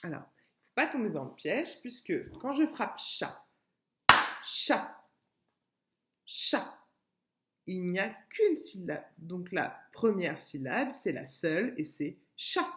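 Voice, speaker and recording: Slow, patient woman teacher. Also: fairly low pitch, sing-song. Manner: slow, patient, spells out syllables and repeats words. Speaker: primary school teacher. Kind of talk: remote classroom lesson video.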